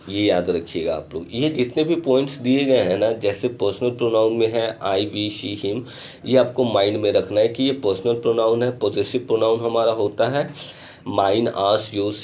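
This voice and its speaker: A male school teacher giving a recorded online grammar lesson, explaining patiently and mixing English terms into his explanations, often pausing to check in with the class. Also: fairly low pitch, darkish tone, slight background noise. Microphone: screen recording.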